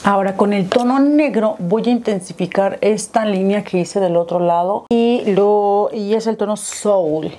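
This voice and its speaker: A woman talks through a makeup tutorial in a relaxed, chatty way, narrating each step as she goes. Her voice is mellow and sits at a middle pitch. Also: unhurried, few pauses. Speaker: beauty vlogger.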